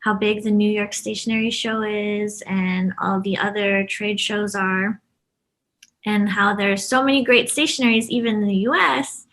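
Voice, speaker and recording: A woman of medium pitch speaks at a moderate pace, a bit bright and fairly even in intonation. Having grown up in Brazil, the US and Japan, the stationery shop co-owner is a chatty, easily laughing guest in a casual, informal interview.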